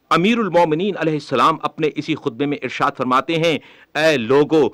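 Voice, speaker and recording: A man reading a religious book aloud in a measured, solemn way. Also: on the high side, pushed and bright, no room sound. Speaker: reader of a religious text.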